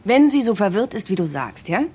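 A woman's voice: medium pitch, very animated, brisk, dark tone, husky. An actress playing a suspicious, insistent young woman in a radio play who keeps asking questions, with music behind.

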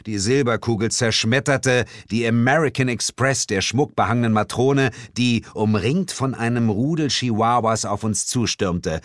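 A man narrating a comic horror story in a dramatic way and slowing down for ominous lines. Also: medium pitch, no room sound, clean studio sound. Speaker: audiobook narrator.

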